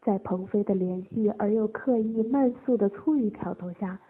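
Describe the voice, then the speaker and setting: A woman narrating an adult audio story in a steady reading voice. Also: medium pitch, moderate pace, breathy edge. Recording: tinny phone-like lo-fi audio.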